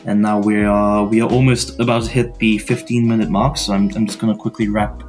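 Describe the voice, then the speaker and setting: A young man hosting a podcast in a casual, rambling monologue from his dorm room, speaking in a quiet, just-woken-up voice with many stuttered restarts and casual swearing. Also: lowish voice, little pitch movement, a little fast, music in the background. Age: young adult. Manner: quiet morning voice. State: just woke up. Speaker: podcast host.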